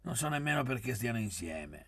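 A man's voice: medium pitch, sing-song, a little fast, a bit bright, breathy edge, no room sound, voice pushed up, heavily acted. Man doing a sardonic young friend. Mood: wry. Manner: wry, sardonic.

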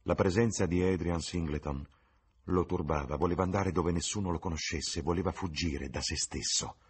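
Very deep, husky male narrator. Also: moderate pace. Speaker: reader. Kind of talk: audiobook narration.

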